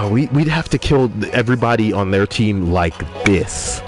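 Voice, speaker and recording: Medium-pitched and lively in intonation, a young man talks in an unhurried way during his gaming livestream. Music plays in the background as he reads viewer messages aloud and jokes with crude, profane banter.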